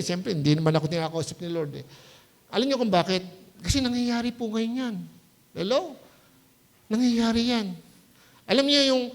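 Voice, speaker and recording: A male pastor preaches to his congregation in a loose, conversational way, slipping English words into his Tagalog and often stopping to ask "Hello?" His voice sits high for a man. It has a noticeable gravelly rasp. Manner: keeps asking the congregation "Hello?" to check they follow. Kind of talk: sermon. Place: church service.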